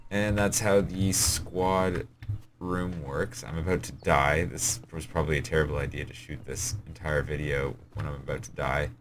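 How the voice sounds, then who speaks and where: A man giving a hurried, rambling walkthrough of puzzles he built in a game, as the server admin. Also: a bass voice, steady tone, slight background noise.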